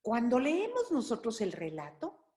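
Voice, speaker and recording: Woman Bible teacher, unhurried lecture full of fillers, higher voice, long room reverb. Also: huge pitch swings, mellow. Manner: slow, explanatory, with many fillers and restarts. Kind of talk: online lecture on scripture. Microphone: online class recording. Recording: roomy reverberant online class audio.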